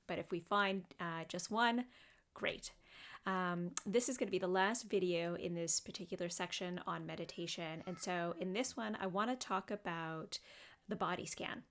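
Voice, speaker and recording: A woman psychotherapist talking through a guided body scan meditation in a gentle, unhurried way, with frequent fillers. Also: fairly low pitch.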